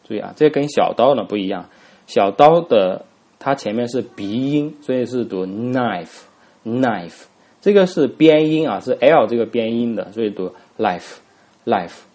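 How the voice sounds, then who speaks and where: An expressive man with a dark-toned, mid-range voice teaches English grammar at a moderate pace. Words get spelled out letter by letter and repeated twice, and he peppers the class with rhetorical questions and lots of fillers.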